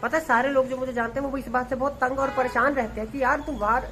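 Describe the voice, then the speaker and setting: A man's voice: very high voice, fairly even intonation, fast talker, pushed and bright, soft background music, rough recording. A young man from Punjab, a dance content creator talking through a casual daily vlog in a chatty, rambling, playful way. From Punjab, India. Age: young adult.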